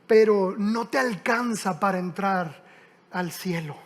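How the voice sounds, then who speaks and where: A man voicing a calm, gentle Jesus at heaven's gate, softly and low, within a sermon. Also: slow, big-room sound. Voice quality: soft low-key delivery.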